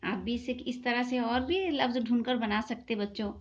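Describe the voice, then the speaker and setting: A woman's voice: on the high side, normal speed. A woman teacher giving a lesson to children, speaking patiently and sounding out letters one by one. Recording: dull lo-fi sound.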